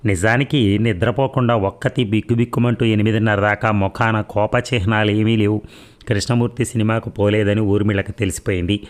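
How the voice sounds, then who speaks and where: A man narrating a romance novel aloud, with steady storytelling that slows for the dialogue. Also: fairly low pitch.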